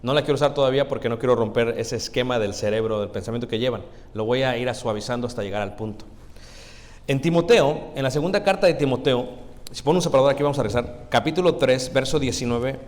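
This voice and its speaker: Preacher in a reverberant church. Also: male voice, medium pitch. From Mexico. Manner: folksy, addresses the congregation as brothers, asks them questions. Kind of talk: conversational sermon. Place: church sanctuary. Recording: long hall reverb in a church.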